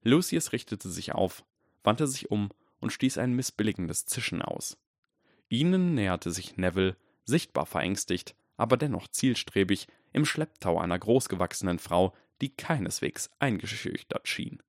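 A man reads a story aloud in a calm, even way. His voice is very low and deep, and the recording is dry and close with no room sound. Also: moderate pace, no room sound. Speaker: narrator. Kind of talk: audiobook reading.

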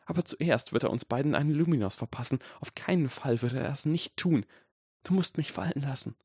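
A man's voice: on the low side, wildly swooping pitch, brisk, darkish tone, no room sound, clean studio sound. A man voicing a fierce, determined teenage witch girl, cool and sardonic, in an audiobook reading. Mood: urgent whisper. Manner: cool and sardonic, then urgent whispers.

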